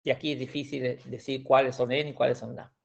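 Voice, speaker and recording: A man's voice: medium pitch, flat delivery, quick pace, creaky. A man teaching a language class, explaining grammar patiently and repeating words with frequent restarts. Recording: dull lo-fi sound.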